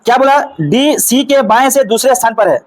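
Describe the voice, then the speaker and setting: A man's voice: very high voice, expressive, moderate pace, poor audio. A man teaching a reasoning class with a Bihari Hindi accent, repeating questions and coaxing his students toward each answer.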